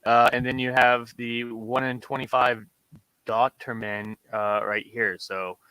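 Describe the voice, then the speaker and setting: A man's voice: medium pitch, a little slow, clean tone, no echo, poor audio. A man co-hosting a comic book show, talking casually with lots of fillers while he shows covers. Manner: relaxed, many fillers while showing covers. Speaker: co-host of a comic order show. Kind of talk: casual chat.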